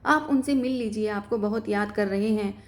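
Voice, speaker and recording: A woman's voice: medium pitch, moderate pace, natural voice. A woman voicing a tearful young wife. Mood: pleading.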